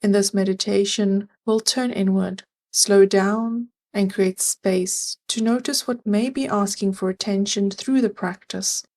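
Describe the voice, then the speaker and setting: In a mid-range voice, a woman takes listeners through a scripted meditation, and her guidance is soft, soothing and measured.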